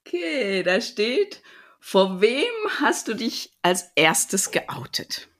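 A woman's voice: medium pitch, very animated, takes it slowly, fairly bright tone. A woman, hosting a casual podcast interview and chatting in a storytelling way. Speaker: podcast host.

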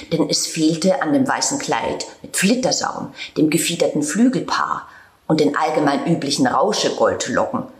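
A woman narrating a storybook tale with a calm, tender reading manner and soft whispered passages. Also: low voice. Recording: roomy echo.

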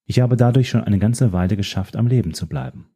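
A man voicing a calm, mysterious woman informant who speaks in a measured, quietly menacing way. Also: on the low side, husky. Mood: cool, composed.

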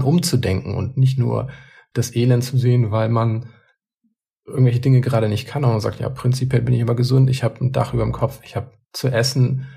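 A man's voice: medium pitch, vocal fry, dark tone, breathy edge. A man co-hosting a podcast, talking through his thoughts in a reflective, casual way, often restarting and repeating words. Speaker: podcast co-host.

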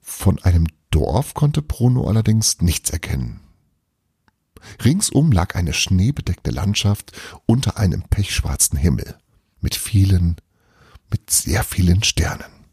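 A husky man with a deep voice tells a Christmas story. His delivery is lively and expressive. He closes with a friendly, chatty sign-off. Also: measured pace, no room sound, studio quality. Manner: warm, lively, chatty outro. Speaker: storyteller and host. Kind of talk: audio advent calendar story reading.

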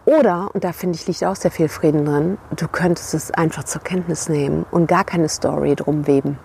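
A woman with a somewhat low voice coaches the listener in a calm, reflective way and often checks in with a quick tag question. She talks straight to camera outdoors by a river. Faint ambience hums behind her. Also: gravelly, slight background noise. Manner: reflective, addresses the viewer directly with tag questions. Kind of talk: motivational talk to camera.

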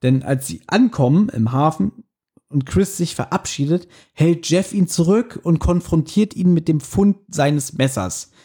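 A man's voice: fairly high pitch, unhurried, husky. A man co-hosting a podcast, chatting casually and animatedly about a radio play, often laughing and acting out scenes. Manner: animated, laughing, quoting scenes in put-on voices. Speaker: podcast co-host.

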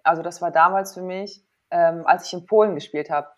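A woman in her thirties, a sports psychologist and former athlete, talks fairly quickly in a fairly low voice with fairly even intonation. As an interview guest she's casual and frank, thinking out loud through personal anecdotes.

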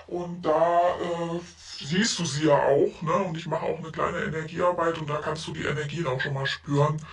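A woman leaving a chatty, gushing voice message as a seller of spiritual crafts, her voice disguised and lowered by a voice changer. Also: steady tone, moderate pace, far from the mic, a little hiss or hum. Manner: chatty, gushing, frequent "ne?" tags. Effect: voice changer lowering her voice to sound deeper and disguised.

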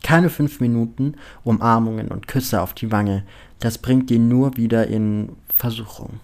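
A man narrating a story in an expressive storytelling manner. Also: mid-range voice, unhurried, vocal fry. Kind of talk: story reading.

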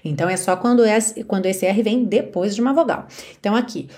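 A woman's voice: medium pitch, a little fast, a little mellow. A woman with a Brazilian Portuguese accent, an English teacher giving an upbeat online pronunciation lesson through songs. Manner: enthusiastic, demonstrates by singing lyric lines.

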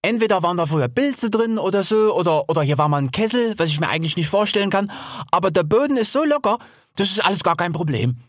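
A man's voice: high-pitched, animated, fast, no room sound, clean studio sound, pitched above the performer's own voice. A man voicing a young female wild sow in a storybook reading, chatty and teasing.

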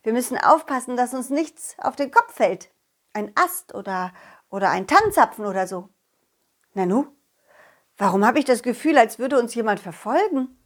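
A woman narrating a children's audio story in a playful, animated way, also speaking as the main character. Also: on the high side, normal speed.

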